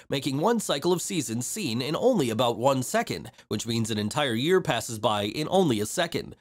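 A man narrating a movie recap in a steady, even scripted read. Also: mid-range voice.

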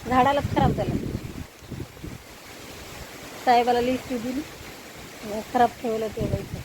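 High-voiced village woman chatting outdoors. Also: fairly quick, heavy background noise. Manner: chatty, showing things to viewers. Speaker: vlogger. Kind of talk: casual village vlog.

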